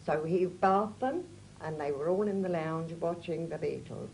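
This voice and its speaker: A woman's voice: low-pitched, animated, normal speed, vocal fry, darkish tone, slight background noise, low-quality recording. A woman interviewed about her late husband, recounting memories and acting out the dialogue of her story. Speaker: interviewee, widow of the subject.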